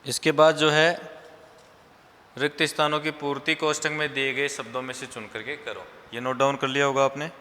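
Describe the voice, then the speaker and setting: A male teacher talks through a class lesson, pacing his explanations and repeating answers for dictation. His voice is very bright and crisp. The room is echoey, with a long reverb tail and a faint hum behind him. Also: medium pitch, little pitch movement, normal speed. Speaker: school teacher.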